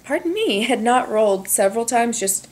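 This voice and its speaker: A young adult woman vlogger telling a story in a casual, animated way, full of "like"s, recorded at home on a camcorder. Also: on the high side, moderate pace. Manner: animated, chatty, many "like"s. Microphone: camcorder on tripod.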